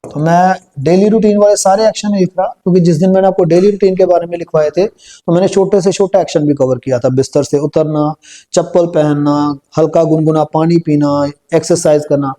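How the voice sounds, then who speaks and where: A man with a Punjabi accent teaching a spoken English lesson step by step, slowing down and repeating phrases while he writes them on a board. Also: fairly high pitch, fairly even intonation, mellow.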